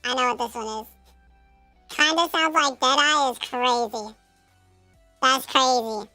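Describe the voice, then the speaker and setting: This is a man heard through a pitched-up voice changer, so the voice comes out squeaky and high. It sounds sharp and bright. It is dry and close, and he talks casually, unsure whether the preset works. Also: steady tone, unhurried, no echo, faint music behind, full character voice. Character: squeaky high filtered male streamer voice. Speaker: streamer.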